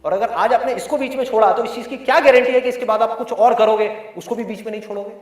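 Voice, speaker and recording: A man with an Indian accent giving an emphatic, rhetorical motivational talk to students, swinging between loud and hushed. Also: extremely high pitch, steady tone, quick pace, heavy reverb, recorded from a distance. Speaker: motivational speaker.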